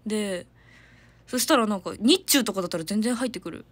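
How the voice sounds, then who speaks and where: A woman's voice: medium pitch, expressive, a little fast, husky. A young woman, chatting casually and giggling on a livestream from her family home, reading out viewer comments. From Hiroshima, Japan. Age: young adult. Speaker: idol livestreamer.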